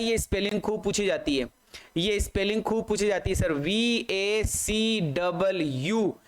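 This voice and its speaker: A man with a high, clear, smooth voice teaches a vocabulary lesson. He spells each word out slowly, letter by letter, and addresses his students fondly as "beta". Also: poor audio. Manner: spells words out letter by letter, slow and drawn out, calls students "beta".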